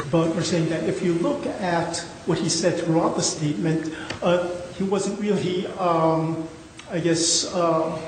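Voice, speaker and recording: A man speaking as a lawyer in oral argument, with halting, hedging, informal phrasing. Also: on the high side, a little mellow. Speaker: lawyer arguing an appeal. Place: indoor courtroom. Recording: echoey courtroom, faint noise.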